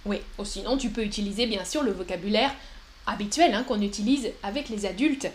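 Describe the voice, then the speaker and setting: A young woman teaching a live-stream language lesson, speaking slowly and clearly and repeating words for her viewers. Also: mid-range voice, a little hiss or hum. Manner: slow and clear, repeats words, puts on a babyish voice for examples. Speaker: French teacher.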